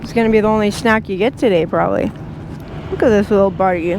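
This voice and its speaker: A woman's voice: medium pitch, fast talker. A woman chatting casually on camera outdoors, talking playfully to a crow. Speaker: vlogger. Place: outdoors by a highway. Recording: outdoor noise, traffic nearby.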